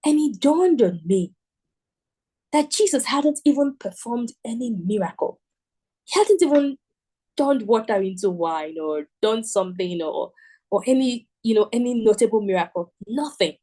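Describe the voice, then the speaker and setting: A woman's voice: a little high, lively intonation, moderate pace, dark tone. A woman giving a motivational teaching talk, earnest and emphatic, repeating key phrases and checking in with "right?" and "you know". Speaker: program teacher.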